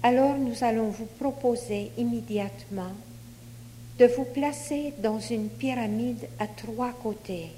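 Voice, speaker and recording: Female meditation guide, unhurried and measured, recorded in a very reverberant hall with faint noise. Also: a little high, mellow. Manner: measured, instructing in short phrases. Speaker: leader of a spiritual group exercise.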